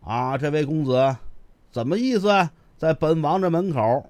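A man's voice: on the high side, lively intonation, normal speed, a little mellow, no room sound, lightly acted. A male storyteller voicing a joking, easygoing prince who gives orders breezily. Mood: breezy commanding. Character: jovial, easygoing old Beijing prince.

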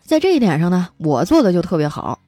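A woman host telling comic stories in a lively, chatty way, stretching out her sentence-end particles. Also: on the low side, fast talker, no room sound. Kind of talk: comic storytelling monologue.

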